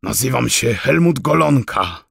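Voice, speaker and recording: A man voicing a scared captive male raccoon with a German accent, pleading and slow in an audiobook. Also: medium pitch, lively intonation, creaky, fairly bright tone, slightly rough, no echo, studio quality, pitched above the performer's own voice, full character voice. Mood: resigned. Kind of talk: audiobook character voice.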